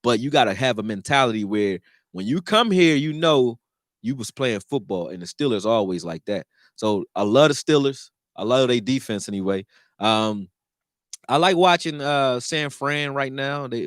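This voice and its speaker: A man's voice: no echo, clean studio sound. Loose, profane Philly man talking football. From Philadelphia, raised; born in Texas. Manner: loose and profane, swings between excited and low mumbling. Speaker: sports talk host. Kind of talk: casual live-stream sports talk.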